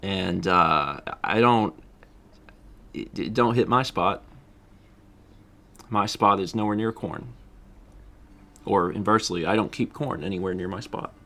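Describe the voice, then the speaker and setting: A man's voice: low-pitched, unhurried, pauses often, pushed and bright. A man chatting casually on his livestream, laughing often and reading out viewer donations. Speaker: streamer.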